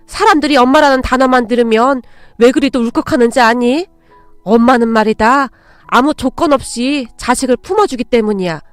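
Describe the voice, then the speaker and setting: Brief: woman doing a protective older mother-in-law, firm and motherly, high bright voice, dry close sound. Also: clear, resonant tone, dry recording, lightly acted. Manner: firm, scolding, then tender and soothing. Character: stern but caring older mother-in-law.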